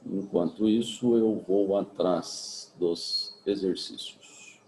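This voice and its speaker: A man with a Brazilian Portuguese accent, a physics teacher giving a remote class in a relaxed, chatty way, full of tag questions. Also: low voice, slow, roomy sound, slight background noise, poor audio. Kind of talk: remote class, casual chat.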